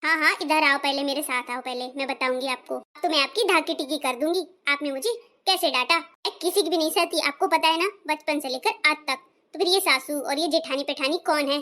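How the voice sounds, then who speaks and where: A woman's voice: high-pitched, a little fast, bright, forceful tone. A woman playing a spoiled, bossy young daughter-in-law in a comedy skit, scornful and threatening. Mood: indignant.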